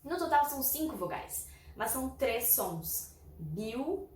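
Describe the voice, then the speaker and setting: A woman's voice: high voice, animated, distant mic. A woman, an English teacher, gives an online lesson. She explains step by step and keeps checking in with short "tá?" and "ok?" tags. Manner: explains slowly, often checks in with "tá?" and "ok?". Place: indoor room, traffic heard outside. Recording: roomy sound from off the mic, faint background noise.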